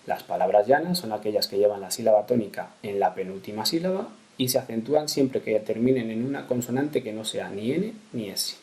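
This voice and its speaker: Gravelly, mellow-voiced Spanish teacher. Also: male voice, fairly low pitch, expressive, a little fast, few pauses. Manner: patient, repeats key rules. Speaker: primary school teacher. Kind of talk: explanatory lesson narration.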